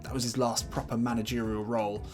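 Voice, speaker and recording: A man's voice: medium pitch, little pitch movement, fast, a little mellow. A man who makes gaming videos, giving casual commentary on a football video game, chatty and thinking aloud about his team choices. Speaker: gaming YouTuber. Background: background music.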